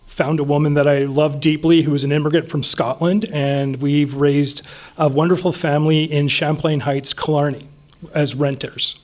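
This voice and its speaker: A man in his fifties, speaking from the top of his head to a room of listeners. His voice sits a touch higher than most men's, and he talks earnestly and plainly, with plenty of ums and small restarts. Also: level tone, moderate pace, darkish tone. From Vancouver, Canada. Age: 50s. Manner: off-the-cuff, earnest, frequent ums. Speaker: city council candidate. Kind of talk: unscripted campaign speech. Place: meeting room with an audience.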